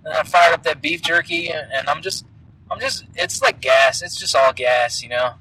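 A man's voice: a little high, very animated, normal speed, vocal fry, bright, forceful tone, breathy edge, poor audio. A young man co-hosting a podcast in casual, jokey, sometimes crude chat, talking from inside a moving car into a laptop mic. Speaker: podcast co-host. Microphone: laptop microphone.

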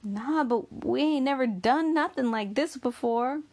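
A woman voicing an anxious, devoted young woman who pleads in a raised, higher voice in an audiobook. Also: measured pace, darkish tone. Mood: doubtful. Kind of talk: audiobook character reading.

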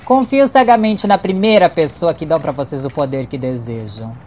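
A woman's voice: sits low, normal speed, darkish tone, lightly acted. A woman playing a haughty, sardonic, sadistic vampire in a radio soap opera, with a disdainful theatrical delivery. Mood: scornful. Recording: faint background noise.

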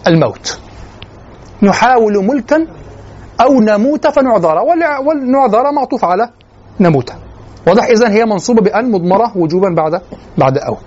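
A man giving a classroom lecture on classical poetry, often stopping to ask the class whether it is clear. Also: high voice, darkish tone. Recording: dull lo-fi classroom recording.

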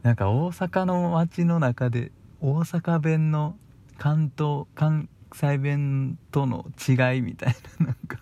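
A man's voice: on the high side, takes it slowly, mellow, muffled recording. Bashful man with a Kansai accent. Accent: Kansai Japanese. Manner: bashful, chuckling, loose rambling pace. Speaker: radio host. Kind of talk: casual solo radio talk.

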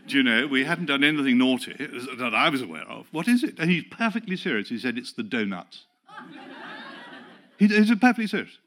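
Older male preacher from England, bright forward tone, chatty self-mocking sermon with acted-out quotes. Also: mid-range voice, lively intonation, moderate pace. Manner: chatty, self-deprecating storyteller who acts out quotes. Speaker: pastor.

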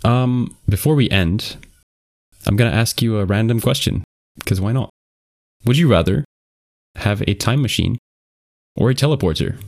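Easygoing man with a very deep voice. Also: expressive, normal speed, pauses often, darkish tone. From Scotland. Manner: easygoing, laughing, questioning. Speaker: podcast host. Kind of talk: casual chat.

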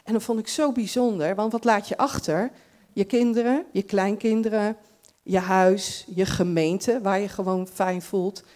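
A woman's voice: medium pitch, steady tone, a little slow. Chatty woman giving a farewell address. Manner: warm, chatty, many fillers and restarts. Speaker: church service speaker. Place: church service.

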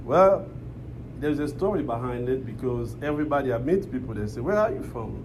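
A male preacher with a Congolese accent addresses a church in English, which is not his first language. He repeats phrases and calls for amens, his mid-pitched voice caught in a clearly noisy live recording. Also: lively intonation, fairly quick. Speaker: visiting pastor. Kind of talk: church preaching and prayer with call-and-response.

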